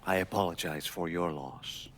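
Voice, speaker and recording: An actor playing a formal, reserved drug supplier in a game, speaking stiffly and politely. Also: male voice, sits low, fairly even intonation, moderate pace, fairly bright tone, slight background noise.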